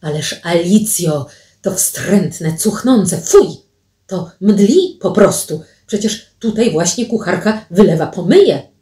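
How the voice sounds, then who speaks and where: A woman's voice: lowish voice, sing-song, slow pace, dark tone. A woman reading the part of a shocked, squeamish young man who protests in indignant outbursts. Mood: appalled. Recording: roomy, distant mic.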